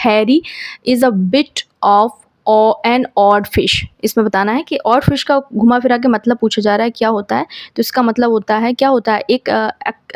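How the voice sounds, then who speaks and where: A woman teaches grammar for exam preparation, speaking. Her voice sits a little high. She keeps posing questions and answering them herself, and the recording is close and dry. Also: no room sound. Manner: explains in Hindi, reads English questions slowly, asks and answers herself. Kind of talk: exam-prep grammar lesson.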